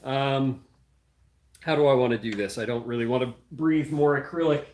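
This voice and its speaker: Young male maker, mid-pitched voice, loose unscripted chat while tinkering at the bench. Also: normal speed, darkish tone. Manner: rambling, thinking aloud with many fillers; working hands-on while talking. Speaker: maker hosting a livestream. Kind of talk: casual livestream chat. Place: home workshop.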